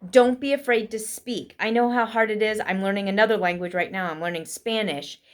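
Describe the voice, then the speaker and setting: A woman talks quickly and casually, giving tips to people learning English. Her delivery is chatty and full of fillers, as in an easygoing vlog. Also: medium pitch, fairly even intonation. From United States. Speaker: vlogger teaching English learners. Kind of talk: casual spoken lesson.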